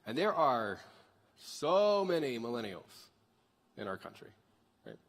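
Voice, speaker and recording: Husky thirty-year-old preacher in a reverberant hall. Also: male voice, mid-range voice, very animated, unhurried, a bit bright. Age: 30s. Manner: conversational, asks the crowd for raised hands. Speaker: pastor. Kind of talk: sermon. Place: large church sanctuary.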